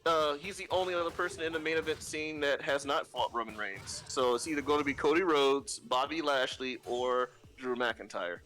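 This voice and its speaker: A man's voice: on the high side, normal speed, few pauses, sharp tone, soft background music. A man in casual chat while playing a video game, rambling with lots of fillers and restarts. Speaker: guest.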